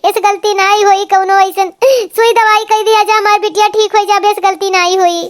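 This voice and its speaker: Anxious older village mother voiced by a woman, shrill pleading tone. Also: flat delivery, moderate pace. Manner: wailing, pleading. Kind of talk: cartoon voice acting.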